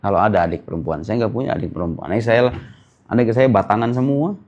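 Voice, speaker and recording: A man's voice: fairly low pitch, quick pace, darkish tone, highs cut off. A male Islamic preacher giving a casual religious lecture, quizzing listeners with rhetorical questions and jokey asides. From Indonesia.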